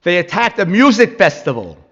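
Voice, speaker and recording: A man's voice: high voice, sing-song, a little fast, fairly bright tone, breathy edge, lo-fi sound. A man giving an impassioned public comment at a city council meeting, pressing his point with rhetorical questions. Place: council chamber.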